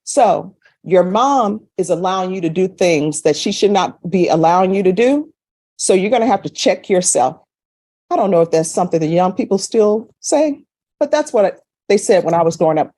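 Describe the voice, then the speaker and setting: A woman's voice: mid-range voice, warm tone, no echo. Stern woman judge in a courtroom, close sound. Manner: stern, plain-spoken, admonishing. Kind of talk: courtroom questioning and lecturing in a courtroom.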